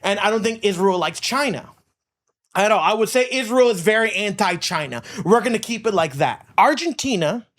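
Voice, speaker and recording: A man's voice: sits high, lively intonation, normal speed, a bit bright. A man from Florida hosting a podcast, ranting casually with lots of profanity and repetition. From Miami, United States. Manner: profane, emphatic, repeats himself. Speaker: podcast host.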